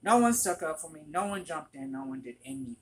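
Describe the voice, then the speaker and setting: Animated, profane storyteller. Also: mid-range voice, fast talker, a little hiss or hum. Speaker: vlogger. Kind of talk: storytime vlog.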